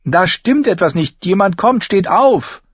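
A man voicing a stubborn, fierce young girl in an audiobook, with sharp, insistent outbursts. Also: medium pitch, wildly swooping pitch, moderate pace, slightly rough, dry recording, dull audio, voice pushed up. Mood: urgent.

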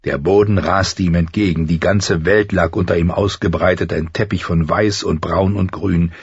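A man narrating a fantasy audiobook in a slow, measured, dramatic way. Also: low-pitched, fairly even intonation, slightly rough, dry recording, muffled recording.

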